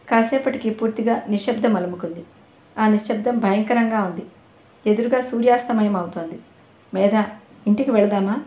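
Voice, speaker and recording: A woman reads a novel aloud in a calm, measured narration. Her voice is mellow and dark, never sharp. A roomy echo surrounds the recording. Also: medium pitch. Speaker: audiobook narrator.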